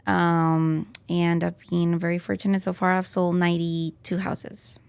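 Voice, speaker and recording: A woman's voice: on the low side, monotone, unhurried, vocal fry, darkish tone, smooth, dry recording. A woman in her thirties from Colombia, a podcast guest chatting casually, laughing often and saying "like" a lot. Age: 30s. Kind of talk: casual interview chat.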